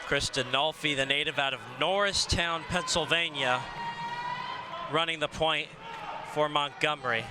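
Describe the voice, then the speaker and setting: A man's voice: fairly high pitch, a little slow. A man doing live play-by-play for a basketball game, his calls rising on big plays. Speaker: play-by-play announcer. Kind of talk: live sports commentary. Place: basketball arena. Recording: noisy arena broadcast.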